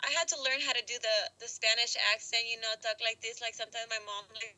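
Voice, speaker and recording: A woman's voice: fairly high pitch, steady tone, fast, crowd noise, rough recording. A young adult woman, an actress, answering interview questions in a rambling, casual way, with many restarts and frequent laughs.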